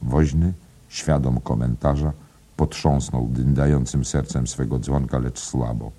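A man reading a novel aloud in a steady, measured narration. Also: extremely low pitch, husky. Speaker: audiobook narrator.

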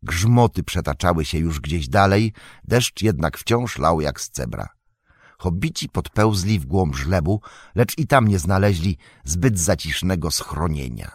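Low-voiced man narrating an audiobook. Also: lively intonation, slightly rough, dry recording, clean studio sound. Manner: measured, dramatic storytelling. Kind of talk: scripted narration.

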